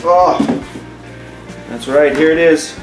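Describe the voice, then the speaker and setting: A man's voice: on the high side, slow. A man in his forties talking casually in a wry, chatty way, speaking straight to his viewers in an unboxing vlog. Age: 40s. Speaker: tech YouTuber host. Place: home room. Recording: roomy echo with faint music.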